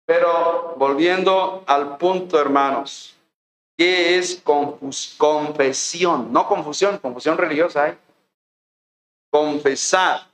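A man's voice: a little high, takes it slowly, fairly bright tone, echoey room, low-quality recording. A man with a Mexican accent preaching a sermon as a pastor, folksy and conversational, full of rhetorical questions. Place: church.

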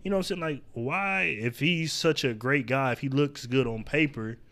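A man on a podcast patiently laying out a hypothetical, earnest and talkative. His voice is mid-pitched and ordinary. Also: moderate pace, fairly bright tone. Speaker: podcast co-host. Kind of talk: casual chat.

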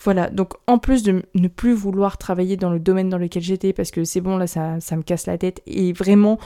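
A young woman hosting her own podcast, talking candidly in a rambling, quick way and laughing nervously now and then. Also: lowish voice, fairly even intonation, warm tone. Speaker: podcast host. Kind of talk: personal solo podcast talk.

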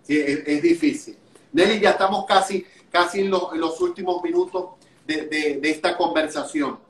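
A man hosting an interview, asking questions haltingly and searching for his words. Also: on the high side. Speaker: podcast host. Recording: echoey, distant from mic.

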